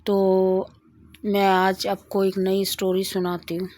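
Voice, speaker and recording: A woman's voice: mid-range voice, monotone, slow, darkish tone. A middle-aged woman hosting a home cooking video, chatting as she demonstrates a recipe and tells a moral story along the way. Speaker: cooking channel host.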